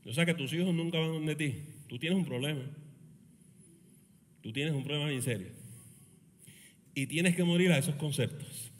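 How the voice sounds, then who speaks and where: A male pastor preaching a sermon, animated and joking, with many rhetorical questions. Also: on the high side, moderate pace, long pauses. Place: church meeting in a school hall. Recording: reverberant hall.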